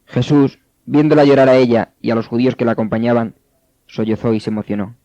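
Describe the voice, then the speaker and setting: A man narrating scripture in a steady, measured way. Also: mid-range voice, dry recording. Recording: dull, dry studio sound.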